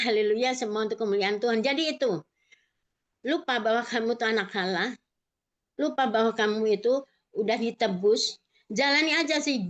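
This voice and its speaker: A middle-aged woman sharing an emotional personal testimony over a video call, rambling and fervent, acting out remembered dialogue. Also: fairly high pitch.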